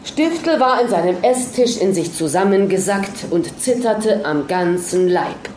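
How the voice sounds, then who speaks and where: A woman narrating a story aloud in a lively, dramatic reading manner. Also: mid-range voice, unhurried, reverberant, a little hiss or hum.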